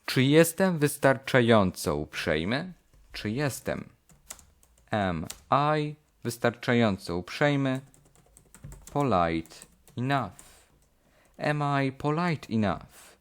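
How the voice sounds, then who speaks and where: A man teaching English, slowly repeating short phrases in a lesson. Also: medium pitch, sing-song. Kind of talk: slow language lesson drills.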